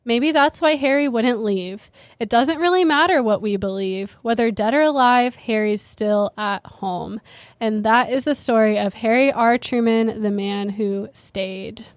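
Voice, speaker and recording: A woman's voice: fairly high pitch, unhurried, no room sound, clean studio sound. A woman with a Valley girl American accent and a "like"-peppered manner, co-hosting a podcast and telling a story conversationally. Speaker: podcast co-host.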